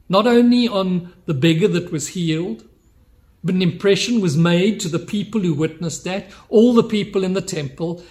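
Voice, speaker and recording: Slow, high-voiced preacher man. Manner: slow, measured delivery with repeated rhetorical questions. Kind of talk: sermon.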